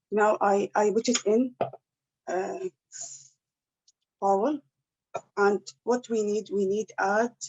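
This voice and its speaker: Slow woman doing a cooking demo, muffled video call sound. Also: medium pitch, a little mellow. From Iraq. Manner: slow, halting, careful English with many pauses. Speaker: cooking class presenter.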